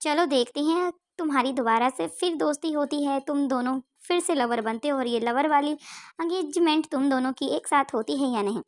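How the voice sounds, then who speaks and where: A woman's voice: high-pitched, moderate pace, close to an everyday voice. A woman voicing a playful young woman who teases her friend in a spoken story. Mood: teasing. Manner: teasing, playful.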